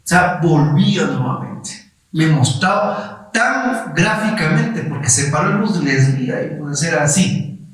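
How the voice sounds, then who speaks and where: A man preaching a sermon, telling a personal testimony in a lively way and acting out the dialogue as he goes. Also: fairly high pitch, measured pace. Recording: echoey room, far from mic.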